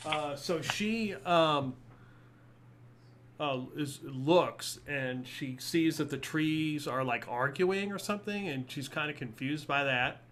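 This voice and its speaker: A man's voice: on the high side, slow pace, a bit bright. A man narrating as game master of a tabletop game, rambling with many fillers. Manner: rambling, full of fillers and little laughs.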